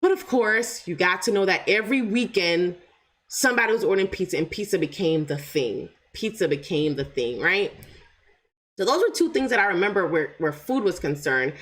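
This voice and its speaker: A woman's voice: fairly low pitch, normal speed. A woman vlogger telling stories casually and animatedly, acting out what people said. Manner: animated, acts out remembered quotes. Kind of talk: casual storytelling.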